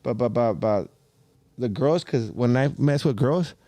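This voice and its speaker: A man's voice: medium pitch, unhurried, no room sound. A man co-hosting a podcast in casual, slangy banter, calling everyone fool and dog. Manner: loud, slangy, calls everyone fool and dog, laughs often. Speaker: podcast co-host.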